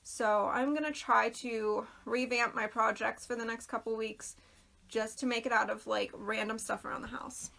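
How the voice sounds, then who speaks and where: Hosting a casual craft livestream, a woman chats loosely and greets viewers by name while losing her voice and clearing her throat. Her slightly high voice is steady, creaky, and sharp, a bit worn and throaty, at a moderate pace.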